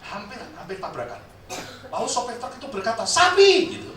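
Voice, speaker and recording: A man's voice: high-pitched, fast talker, crowd noise. A man preaching a sermon in a church, telling jokes and stories as he addresses the congregation. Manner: animated, joking storyteller addressing the congregation. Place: church service hall. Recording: very echoey hall, distant mic, faint noise.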